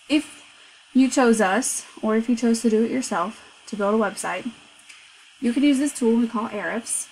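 A woman's voice: fairly high pitch, a little mellow, a little hiss or hum, low-quality recording. Chatty woman explaining a screencast. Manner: conversational, explaining step by step with frequent "so". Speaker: marketing agency owner. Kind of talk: screencast walkthrough.

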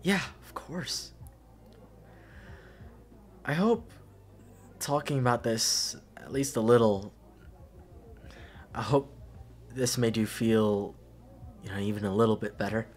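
Speaking on the low side, a young man plays a goofy, loving best friend at a party in an intimate audio roleplay. He halts and repeats himself in laid-back slang, and the mood is reassuring and tender.

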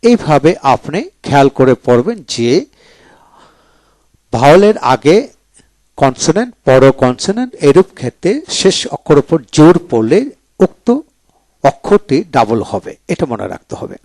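A man teaching English grammar, slowly repeating each verb form twice as a drill. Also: medium pitch, very animated, a little mellow, dry recording. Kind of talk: slow explanatory lesson.

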